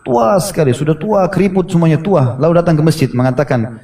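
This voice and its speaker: Fast-talking preacher, dark voice. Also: male voice, fairly high pitch, far from the mic. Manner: lively storyteller acting out quoted voices, frequent "ya" fillers. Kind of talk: sermon retelling hadith stories.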